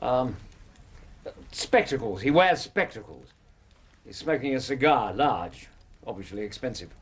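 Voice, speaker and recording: A loyal Victorian doctor in a radio play. His English voice sits at a middle pitch. He speaks plainly and earnestly, as a decent companion with a touch of hesitancy. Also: expressive, a little slow, slightly rough. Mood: observant, bemused. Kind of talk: British radio drama acting.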